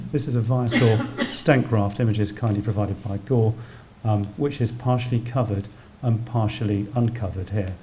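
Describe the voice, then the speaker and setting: In an indoor public lecture hall, a British man lectures as a doctor on emergency radiology, making technical terms plain along the way. His lowish, mellow voice moves at a measured pace, with slight background noise present.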